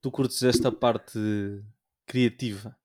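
A young man with a European Portuguese accent banters on a podcast. He teases his co-host with slangy, incredulous remarks in a mid-pitched voice. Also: level tone, takes it slowly, darkish tone, slightly rough. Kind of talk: casual chat.

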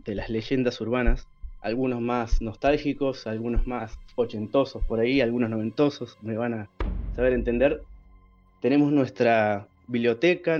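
A man's voice: mid-range voice, highs cut off. A man hosting a podcast, introducing the episode with enthusiastic, rambling lists. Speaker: podcast host.

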